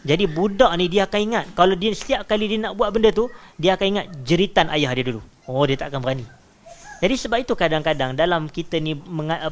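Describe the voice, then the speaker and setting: A man with a Malaysian Malay accent, a religious teacher giving a lecture on scripture. He recites Arabic verses slowly and explains them word by word, raising his voice for emphasis and then dropping it low.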